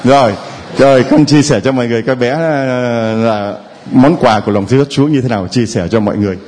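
Male priest, sermon, jovial teasing tone, slow chanted prayers, mid-pitched voice. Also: darkish tone. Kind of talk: sermon with audience banter.

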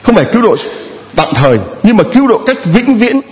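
A man who is a priest, giving a sermon and teasing people in the audience, sometimes chanting prayer lines slowly. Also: sits high, very animated. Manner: teasing, jovial, slow chant-like prayer phrases.

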